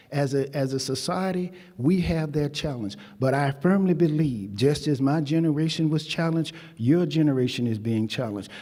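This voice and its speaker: A man's voice: on the high side, dark tone. An older man, originally from Texas, giving an emphatic, folksy commencement speech to graduates at a convocation ceremony, speaking at a podium microphone. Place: ceremony hall. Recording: long hall reverb.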